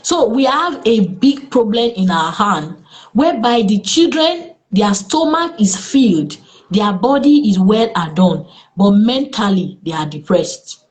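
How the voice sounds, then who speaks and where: A Nigerian woman speaking as a therapist in an interview, earnest and lively, with exclamations in her stories. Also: medium pitch, a little slow. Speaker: therapist guest. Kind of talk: interview conversation.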